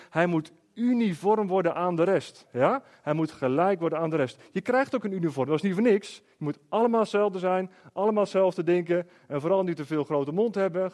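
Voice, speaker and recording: A middle-aged man with a somewhat high voice tells an anecdote to a room. He is animated and rhetorical, and he keeps tossing quick questions to his listeners to pull them along. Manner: lively, rhetorical, checks in with the listeners. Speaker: speaker. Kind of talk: storytelling talk to an audience.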